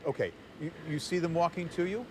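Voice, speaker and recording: A male news anchor speaking in a calm, steadying way. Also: fairly high pitch, brisk, slight background noise. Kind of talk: live studio anchoring and interview recollection.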